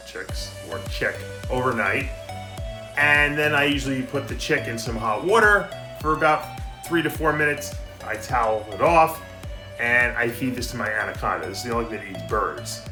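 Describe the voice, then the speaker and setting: A man who breeds snakes, talking casually through a feeding vlog and sometimes dropping to a hushed voice. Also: medium pitch. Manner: chatty, drops to a hush. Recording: background music.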